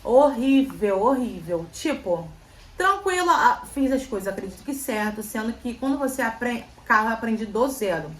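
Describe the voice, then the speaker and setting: Brief: young Brazilian woman, chatty storyteller, fairly high voice, mic a bit distant, echoey room. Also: normal speed, a little hiss or hum. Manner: chatty storytelling, repeats phrases, animated retelling. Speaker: vlogger. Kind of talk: casual chat. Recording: roomy, slightly distant, faint ambience.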